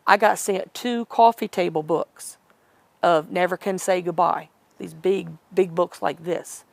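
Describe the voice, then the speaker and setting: A woman's voice: on the low side, steady tone, measured pace, creaky, dry recording. A middle-aged woman telling a personal story in an interview, rambling and emotional, acting out what others said. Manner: rambling, emotional retelling with quoted dialogue. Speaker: interview guest.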